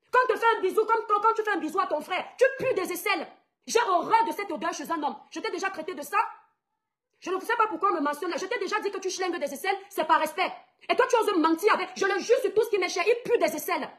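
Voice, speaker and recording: A woman's voice: very high voice, fairly bright tone. A young woman from Cameroon, a blogger, ranting indignantly at her followers, mocking her rivals and repeating her points for emphasis. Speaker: online blogger. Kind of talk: angry rant to followers.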